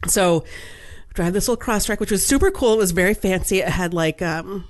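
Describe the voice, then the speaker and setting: A woman's voice: mid-range voice, brisk. A woman co-hosting a podcast, chatting casually and retelling a story with lots of quoted back-and-forth. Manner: chatty, animated retelling with quoted dialogue and frequent "like". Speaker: podcast co-host.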